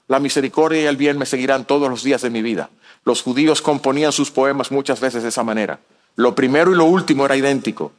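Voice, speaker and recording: A man preaching a sermon as pastor, shifting between soft low phrases and raised emphatic ones.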